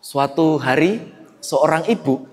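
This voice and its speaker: Man, priest, sermon, high voice, long church reverb. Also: expressive, slow. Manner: storytelling with acted dialogue, swings between loud and soft. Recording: echoey church hall.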